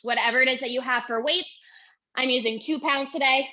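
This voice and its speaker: Brisk and forceful, her bright, high-sitting voice keeps a fairly even intonation. She's a young Pilates instructor guiding a workout, counting reps and cueing moves breathlessly as she exercises, and the audio is dull and lo-fi.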